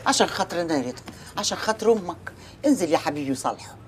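A woman's voice: lowish voice, animated, rapid-fire, slight background noise, close to an everyday voice. An actress playing a middle-aged mother who soothes and coaxes her son, speaking with an Egyptian Arabic accent in a TV comedy series. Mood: coaxing. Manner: coaxing, affectionate. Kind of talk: TV comedy drama acting.

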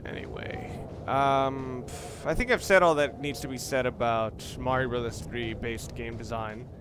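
In this Let's Play, the commentator speaks unhurriedly in a steady, medium-pitched voice, rambling casually and frequently saying things twice in different words. Video game ambience and game sounds make the audio noisy.

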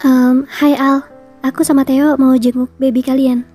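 A young performer putting on a higher voice to play a friendly young woman visiting friends in a fan drama, greeting them shyly and politely. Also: little pitch movement, unhurried, mellow. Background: background music.

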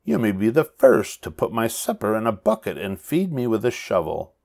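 A man's voice: lowish voice, big pitch swings, moderate pace, vocal fry, darkish tone, full character voice. A man voicing a small, bossy female witch in a storybook, with a cackling, commanding manner. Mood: bossy, demanding.

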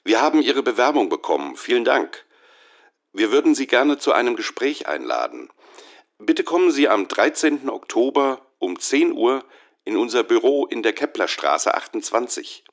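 A man's voice: medium pitch, big pitch swings, moderate pace. An actor playing a courteous office man leaving a formal, precise answering machine message. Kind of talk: scripted answering machine message for a German listening exercise.

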